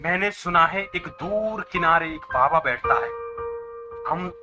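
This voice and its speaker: Brief: man voicing a calm, scolding farmer friend, raised pitch, music underneath. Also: measured pace, natural voice. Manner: brushes off fears, scolds his friend. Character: calm, scolding adult male villager.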